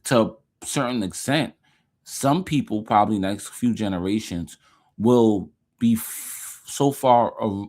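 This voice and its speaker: A man's voice: lowish voice, a little mellow. A man hosting a casual reaction commentary, talking in a loose, conversational and dismissive way. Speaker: host.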